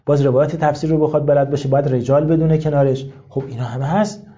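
Mellow-voiced male cleric lecturing students. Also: on the high side, fairly even intonation, highs cut off. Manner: candid, conversational explaining with rhetorical questions. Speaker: seminary teacher and cleric. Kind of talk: informal lecture to seminary students.

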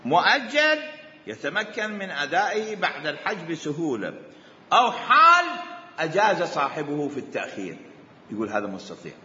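Animated Iraqi man lecturing in an echoey hall. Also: fairly high pitch, a little fast. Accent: Iraqi Arabic. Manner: animated, repeated rhetorical questions. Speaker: religious law teacher. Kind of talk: jurisprudence lecture. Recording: echoey hall, dull lo-fi sound, faint hiss.

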